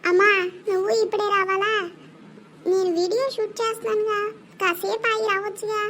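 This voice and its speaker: A voice actor playing a cheeky young boy hosting a vlog in an animated comedy, chatty and whiny. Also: very high-pitched, fairly quick, very noisy. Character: cheeky young boy vlogger, lively and complaining. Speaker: cartoon vlogger boy.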